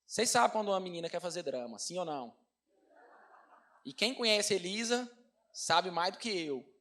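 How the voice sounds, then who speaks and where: A man's voice: high-pitched, normal speed. A man with a Brazilian Portuguese accent, a pastor preaching a storytelling sermon and calling out to the congregation as brothers. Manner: animated, addresses congregation as brothers.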